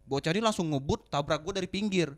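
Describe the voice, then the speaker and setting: A young man from West Sumatra telling a road story in slangy, animated podcast chat. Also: a little high, fast talker. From West Sumatra, Indonesia. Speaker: comedian podcast guest.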